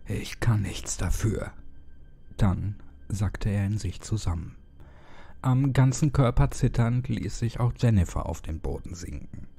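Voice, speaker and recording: A man reading a horror story aloud in a steady, measured storytelling manner. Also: lowish voice, breathy edge. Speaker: horror audiobook narrator. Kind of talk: scripted horror narration.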